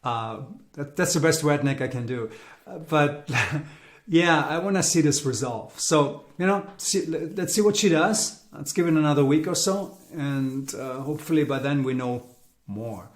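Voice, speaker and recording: A man's voice: on the high side, normal speed, roomy sound. A man giving a casual market update, rambling with repeated words and fillers, sounding weary. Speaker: crypto market commentator.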